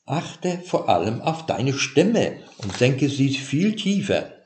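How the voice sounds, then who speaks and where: A man's voice: medium pitch, big pitch swings, slow pace, darkish tone, a little hiss or hum, pitched above the performer's own voice. A man voicing a sly older father-in-law who lectures in a pompous, scolding way. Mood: lecturing. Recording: roomy echo.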